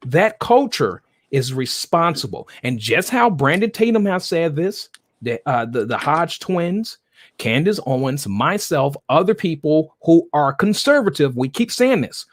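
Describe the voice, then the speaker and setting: Lively lecturing man, keeps asking "okay?". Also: fairly high pitch, measured pace. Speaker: guest commentator. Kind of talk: heated political discussion.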